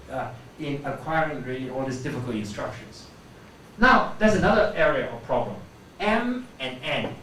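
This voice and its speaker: A man teaching pronunciation, explaining each sound and slowly repeating example words to demonstrate it. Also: fairly high pitch. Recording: echoey room, voice from a distance, faint background hum.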